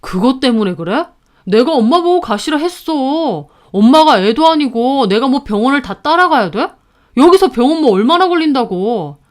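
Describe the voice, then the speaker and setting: A woman's voice: high voice, animated, moderate pace, pitched above the performer's own voice. A woman voicing an adult man, a defensive older brother who answers in brusque, dismissive retorts. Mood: irritated.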